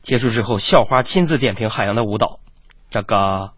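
A man's voice: mid-range voice, quick pace, fairly bright tone, husky, no room sound, dull audio. A man hosting a radio comedy show, telling jokes, acting out the quoted voices and often laughing.

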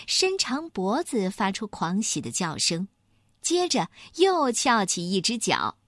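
A woman narrating a children's story in an expressive, animated way. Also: high voice, no echo, studio quality.

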